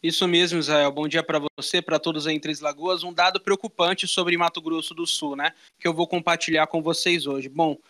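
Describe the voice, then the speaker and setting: Young brazilian guy doing a live news report, highish bright voice, handheld mic, chatty. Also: fairly even intonation, normal speed, hardly any pauses. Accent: Brazilian Portuguese. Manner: informative, conversational, with filler "tá?". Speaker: radio reporter. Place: small radio studio with meeting table. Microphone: handheld microphone.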